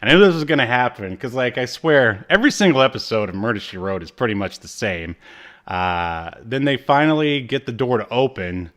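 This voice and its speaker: Brisk and lively, with a fairly bright mid-range voice, this male podcast co-host chats through a TV episode recap, full of rambling, humorous asides.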